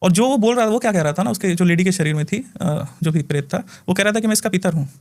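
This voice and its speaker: Brief: male spiritual healer, high-pitched, lively storyteller, laughs a lot. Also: quick pace. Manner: animated storytelling, laughs often. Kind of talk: casual podcast chat.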